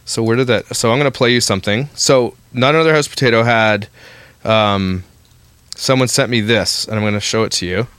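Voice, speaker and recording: A man's voice: medium pitch, fairly quick, fairly bright tone, clean tone, dry recording. A man co-hosting a podcast, ranting heatedly in casual chat. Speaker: podcast co-host.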